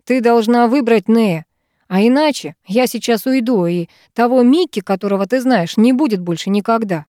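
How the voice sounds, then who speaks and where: A woman's voice: on the high side, moderate pace, mellow, dry recording, studio quality, pitched above the performer's own voice, lightly acted. A woman voicing a jealous, obsessive young man in an audiobook, intense and pleading.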